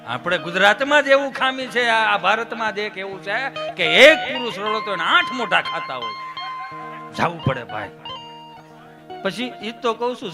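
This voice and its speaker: Male folk comedian, high voice, folksy stage storytelling with guitar backing. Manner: folksy, addresses audience as sir, swings between quiet and loud. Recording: guitar music playing behind.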